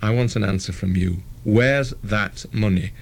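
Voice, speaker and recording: A man voicing a bullying middle-aged police detective, slow, hard and threatening. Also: on the low side, gravelly, a little hiss or hum. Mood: menacing.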